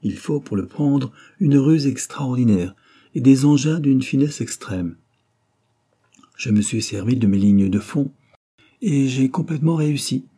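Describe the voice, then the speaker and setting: A man's voice: medium pitch, expressive, unhurried, mellow, pitched above the performer's own voice. A man reading as a proud, boastful angler. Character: proud Parisian gentleman angler, naive.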